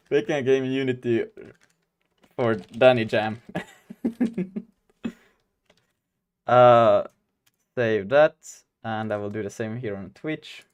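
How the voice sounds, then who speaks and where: A young game dev streamer whose first language is Swedish rambles to his chat in a casual live stream, laughing a lot in a mid-pitched voice, giggly throughout.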